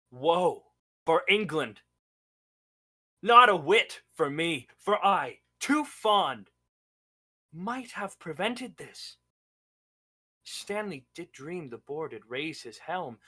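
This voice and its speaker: A student actor playing a trusting, rueful English lord in a Shakespearean radio play, declamatory and measured. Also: medium pitch, sharp tone, heavily acted. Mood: grieving, rueful.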